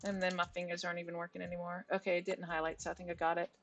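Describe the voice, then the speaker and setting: A woman's voice: fairly low pitch, level tone, rapid-fire. Chatty Cajun woman thinking aloud. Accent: Cajun Louisiana. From Louisiana. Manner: chatty, rambling, self-interrupting, laughs easily. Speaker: author and livestreamer. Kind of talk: casual think-aloud livestream. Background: faint music and keyboard typing.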